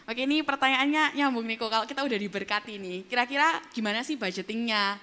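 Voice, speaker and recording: Bright chatty lady host reading out audience questions, high-ish voice. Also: quick pace. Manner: chatty, reads audience questions, says "guys". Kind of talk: casual moderated Q&A.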